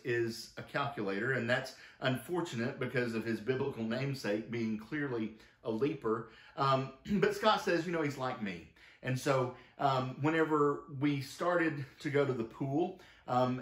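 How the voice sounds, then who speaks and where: A man's voice: mid-range voice, normal speed, a bit bright, echoey room. A man, the pastor, preaching a sermon and reading long quoted passages from a book aloud. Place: church sanctuary.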